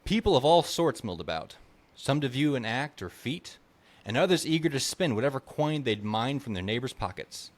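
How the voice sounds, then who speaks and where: A man's voice: medium pitch, expressive, moderate pace. A male author reading his fantasy novel aloud, then answering questions hesitantly with many fillers. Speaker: author, guest. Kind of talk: book reading and interview.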